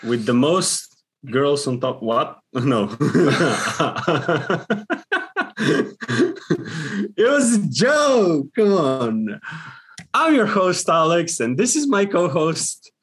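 A man's voice: a little high, big pitch swings, extremely slow, long pauses, a bit bright, breathy edge. A man from Macedonia hosting a casual podcast chat, joking, swearing and laughing a lot. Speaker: podcast host. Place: Switzerland.

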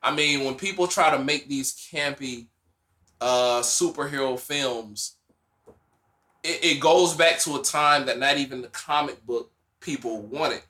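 A man with a Southern US accent co-hosting a podcast in casual chat, animated, laughing often and saying "bruh". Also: mid-range voice, measured pace. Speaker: podcast co-host.

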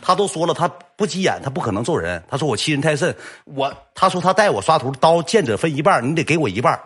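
A young man telling a comic story, lively and animated, acting out the quoted lines. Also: fairly high pitch, quick pace, husky.

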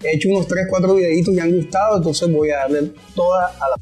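A man's voice: high voice, fairly even intonation, quick pace, darkish tone, slightly rough, faint music behind. A man with a Colombian Caribbean coast accent chatting casually as an interview guest, in informal, hesitant phrasing. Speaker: interview guest, online comedy creator.

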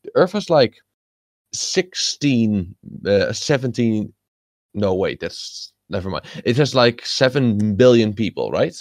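A man's voice: lowish voice, sing-song, takes it slowly, a little mellow, no echo, clean studio sound. A young man from the Netherlands chatting casually, hesitant with many restarts and a playful streak. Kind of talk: casual podcast chat.

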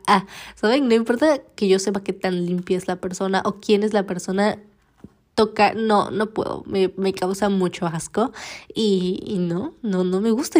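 A woman from Yucatán with a Mexican accent, hosting a podcast in rambling, animated casual chat while congested with a stuffy nose. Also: medium pitch. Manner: animated, rambling, dramatic complaints. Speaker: podcast host.

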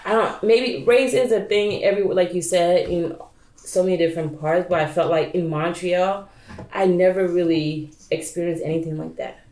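Woman guest with a lowish voice. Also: a little mellow, reverberant. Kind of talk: casual conversation.

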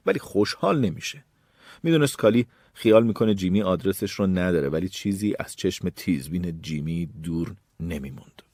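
A man with a deep, husky voice narrates a suspense audiobook, and his pitch rises and falls expressively. The recording is dry and close, with no room sound. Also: no echo. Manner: expressive storytelling. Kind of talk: scripted narration.

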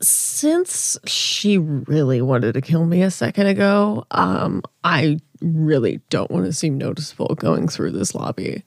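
A woman playing in a tabletop role-playing game, planning her moves out loud and asking questions. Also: low voice, sing-song, unhurried, gravelly, hardly any pauses, no room sound, clean studio sound. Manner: plans out loud, asks lots of questions. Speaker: player. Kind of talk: casual chat at a game table.

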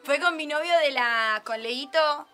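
A young woman with a Rioplatense Spanish accent co-hosting a casual stream and reacting quickly to her friends. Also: sits high, sharp tone. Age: young adult. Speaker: co-host. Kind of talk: casual chat on a live stream.

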